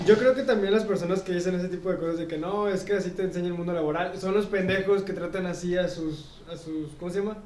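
A man's voice: high-pitched, fast talker, few pauses, a little mellow, a little hiss or hum. A young Mexican man in casual podcast chat, rambling and slangy. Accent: Mexican Spanish. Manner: slangy, rambling, peppered with güey. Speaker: podcast co-host. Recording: echoey room.

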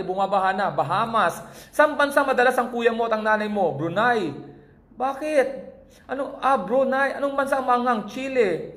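High, bright-voiced joking male streamer. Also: echoey room. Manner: jokey, laughs loudly at his own jokes. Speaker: livestream host. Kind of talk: casual livestream chat reading comments.

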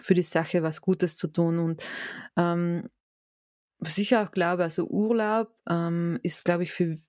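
A South Tyrolean woman in her thirties chats as an interview guest with a South Tyrolean German accent. Her voice sits fairly low, and she hesitates a lot, circling back with fillers and restarts. The recording is dry and close. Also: steady tone, slow, a little mellow, no echo. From South Tyrol, Italy. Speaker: guest, head of a bike hotel association. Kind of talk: casual interview talk.

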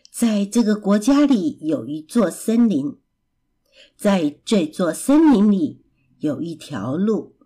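A woman storyteller reading a children's story aloud in an expressive, lively way. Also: mid-range voice.

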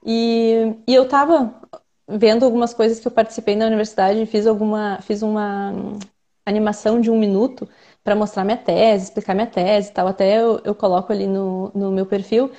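A woman's voice: medium pitch, little pitch movement, a little fast, mellow. A young adult woman with a Brazilian accent, a researcher and translator, explaining her work at length in a casual interview. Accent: Brazilian Portuguese. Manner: thoughtful, explains at length with many fillers.

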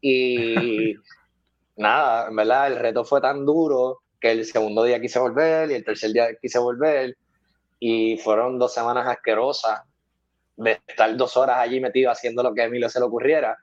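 A man's voice: medium pitch, fairly even intonation, a little fast, dull audio. A man, a weightlifting athlete telling stories in a casual interview, acting out the voices of the people he quotes and laughing often.

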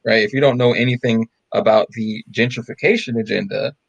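A man's voice: lowish voice, fairly even intonation, a little fast, vocal fry, slightly rough, no echo, lo-fi sound. A man co-hosting a podcast, arguing emphatically with rhetorical questions in a casual discussion. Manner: emphatic, rhetorical, repeats "bro" and "right?". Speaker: podcast co-host.

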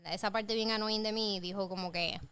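A woman's voice: mid-range voice, fairly even intonation, brisk, fairly bright tone, smooth. A woman, co-hosting a casual film chat, blunt and sarcastic and dropping English words into her talk. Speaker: podcast co-host and film reviewer.

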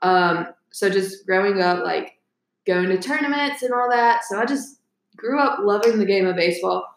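A woman's voice: medium pitch, normal speed, echoey room, low-quality recording. A woman in her twenties, a guest on a casual podcast, talking at length with lots of fillers and likes. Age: 20s. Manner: chatty, rambling with fillers.

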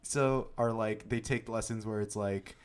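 A man's voice: lowish voice, steady tone, measured pace, smooth. Sarcastic, ranting male podcast co-host. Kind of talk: casual chat.

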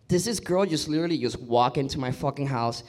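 A man's voice: mid-range voice, fairly quick, a little mellow, a little hiss or hum. A young man telling a loose, slangy stand-up story on stage. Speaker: stand-up comedian. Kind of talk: stand-up set.

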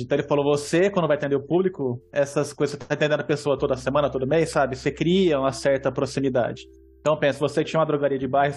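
A man's voice: a little high, darkish tone, breathy edge. A man, a pharmacist co-hosting a podcast, telling work anecdotes in casual chat. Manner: storytelling, quick.

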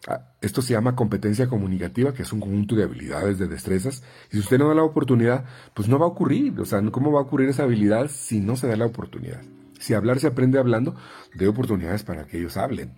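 Low, mellow Mexican man giving advice. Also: expressive, quick pace, husky. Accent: Mexican Spanish. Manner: conversational, frequent fillers and repeats; acts out quoted parents and children in higher voices. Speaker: speech therapist giving parenting advice. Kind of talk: advice talk to parents, numbered tips.

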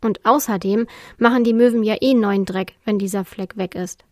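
A woman's voice: medium pitch, fairly even intonation, moderate pace, lightly acted. An easygoing male dinosaur creature from a children's story who shrugs off every worry, voiced by a woman reading aloud. The sound is dry, with no room echo. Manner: easygoing, unbothered. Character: laid-back male S-Rex munching pineapple.

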